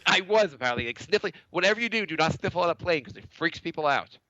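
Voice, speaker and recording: Slightly high in pitch and fast, this podcast co-host's voice comes through dull audio with no echo. He's telling a story in casual chat despite a touch of cold congestion, animatedly raising his voice to act out what other people said.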